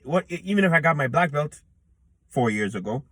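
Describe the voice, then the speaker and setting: A man in his thirties, a jiu-jitsu purple belt vlogger, speaks to himself outdoors in public in a slightly high, expressive, fairly bright voice at a brisk pace. His reflective, casual monologue is earnest and rambling, packed with fillers and restarts, with no echo.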